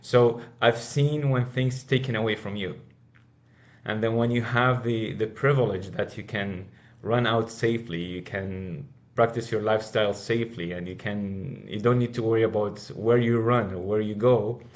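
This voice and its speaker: Man, podcast guest, earnest, lowish voice, restarts and repeats himself. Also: steady tone, moderate pace, muffled recording. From Iraq. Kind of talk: casual interview answers.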